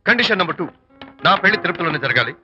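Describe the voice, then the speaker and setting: A cheerful groom listing conditions, lively and bright, dull lo-fi film audio. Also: male voice, sits high, racing, heavily acted. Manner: breezy, mixes English into Telugu, playful. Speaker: groom-to-be setting wedding conditions. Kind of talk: film comedy dialogue. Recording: dull lo-fi film soundtrack with music.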